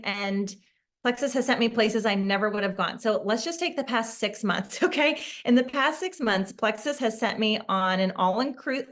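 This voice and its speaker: Woman giving a chatty MLM recruiter pitch. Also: a bit bright. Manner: chatty, peppers talk with "like" and "right?". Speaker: MLM recruiter and distributor presenting an opportunity call. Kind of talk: casual online sales presentation. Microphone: video call.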